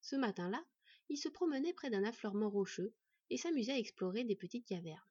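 A woman reads a fantasy story in a steady, measured way, her voice fairly high and husky. The recording is dry and a little dull. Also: no room sound. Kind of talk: fantasy audiobook narration.

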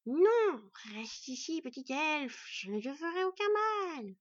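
A woman's voice: sits high, very animated, slow, no room sound, dull audio, pitched above the performer's own voice, exaggerated voice. A woman voicing a greedy female giant spider who hisses and whines for her share in a storybook reading. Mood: luring. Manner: hissing, whiny, insistent.

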